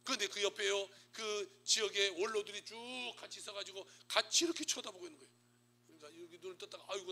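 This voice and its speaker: Bright-voiced Korean pastor preaching dramatically. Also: male voice, sits high, a little hiss or hum. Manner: dramatic storytelling, swings between loud and hushed. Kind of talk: sermon.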